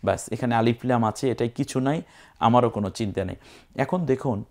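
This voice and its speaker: A man teaching Quran recitation step by step, spelling out sounds patiently and now and then chanting whole words in a drawn-out tone. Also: medium pitch, darkish tone.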